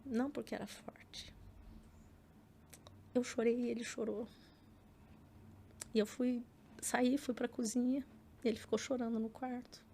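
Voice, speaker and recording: A middle-aged Brazilian woman with a Brazilian Portuguese accent, her voice warm, on the high side and flatly delivered, tells a personal story at a moderate pace with long pauses. It's a casual podcast interview where she acts out quotations and uses many fillers, and there's slight background noise.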